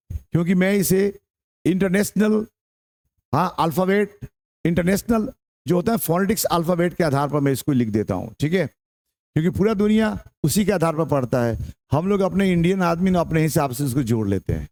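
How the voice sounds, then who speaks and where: A man's voice: fairly high pitch, darkish tone. A male English teacher with a Bihari Hindi accent giving a classroom-style lecture, drilling pronunciation by repeating words and checking that students understand. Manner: mixes in English terms, asks students if they understood.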